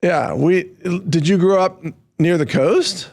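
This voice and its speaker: A man's voice: sits high, takes it slowly, creaky, darkish tone. A man from the American Midwest, a podcast guest who explains things with an amused, incredulous edge. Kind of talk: casual conversation.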